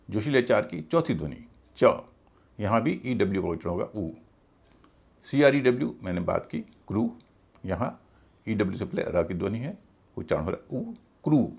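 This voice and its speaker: A man's voice: fairly low pitch, gravelly, a little mellow, breathy edge. A man teaching English pronunciation in a video lesson, spelling out letters and repeating each word methodically.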